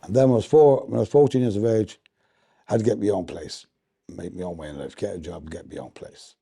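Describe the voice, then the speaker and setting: An older Irish man tells a candid life story in a conversational way. His voice is very dark and husky, with a gravelly creak and a lowish pitch. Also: quick pace, dry recording, clean studio sound. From Dublin and Drogheda, Ireland. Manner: conversational, often adding 'right?' and 'you know what I mean'. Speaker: documentary interviewee.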